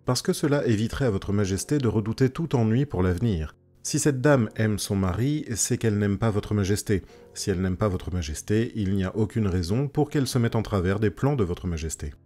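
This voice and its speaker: Man voicing confident detective, brisk reasoning, low dark voice. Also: expressive, soft background music.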